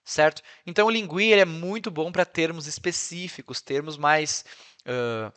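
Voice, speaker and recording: A man's voice: on the high side, moderate pace, a bit bright, smooth. A Brazilian man with a Brazilian Portuguese accent, an English teacher walking through translation tools in a casual screen-share tutorial, dropping frequent tag questions as he goes. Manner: chatty, peppered with "né?" and "ó".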